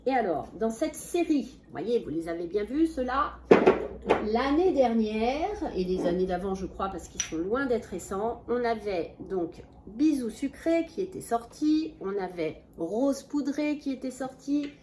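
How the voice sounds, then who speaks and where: A woman's voice: on the high side, very animated, measured pace, noisy background. A woman chatting casually to her viewers in a product review vlog, enthusiastic and full of fillers and restarts, seated at a small table. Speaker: beauty vlogger. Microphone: camera mic at a small table.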